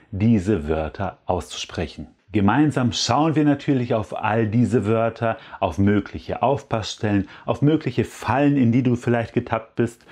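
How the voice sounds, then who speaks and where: A man hosting a language lesson, repeating words slowly and carefully to drill their pronunciation. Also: fairly low pitch, darkish tone, breathy edge. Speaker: language teacher and channel host.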